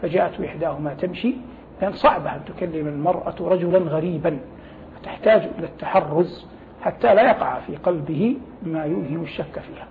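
A man speaking as a religious scholar, explaining scripture didactically in formal Arabic and reciting quotations. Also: a little high. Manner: didactic, formal Arabic with pauses to gloss phrases. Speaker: religious scholar, programme guest. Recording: thin phone-like sound with faint noise.

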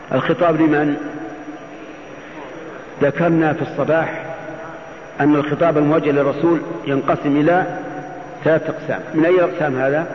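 A man teaching as a religious scholar, giving Quran commentary in classical Arabic and often posing questions that he then answers. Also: fairly high pitch. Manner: didactic, poses questions and answers them. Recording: muffled, echoey hall, faint noise.

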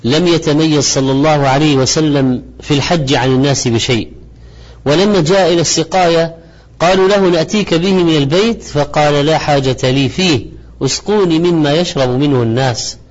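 A man giving a religious lecture in formal standard Arabic, speaking in a measured, didactic way in short phrases. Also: a little high. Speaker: religious lecturer presenting a program. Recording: slightly dull, lo-fi audio.

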